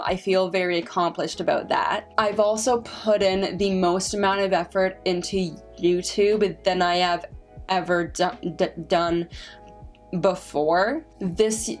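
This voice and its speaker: A woman in her twenties with a mid-range voice vlogs to camera, talking casually and reflectively. She has a stutter, with frequent repeated sounds and restarts, and her manner is slow and encouraging.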